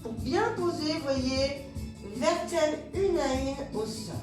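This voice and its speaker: Woman pilates instructor, unhurried cues, higher voice, distant echoey room with music behind. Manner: calm cueing of breath and movement, repeats words slowly. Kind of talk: guided exercise class instruction. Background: background music.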